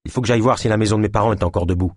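A man's voice: on the low side, rapid-fire, darkish tone, breathy edge, no room sound, studio quality. A man voicing a stubborn young woman who growls her lines curtly in an audiobook. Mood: gruff. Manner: growling, curt. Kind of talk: audiobook character voice.

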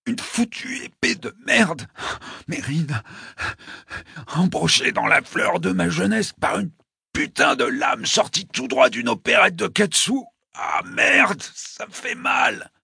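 A man voicing a wounded, dying man who curses and gasps in a hoarse voice strained with pain. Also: high-pitched, expressive, a little slow, hardly any pauses, sharp tone, dry recording, clean studio sound, voice pushed up, heavily acted. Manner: cursing, gasping. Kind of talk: audiobook character voice.

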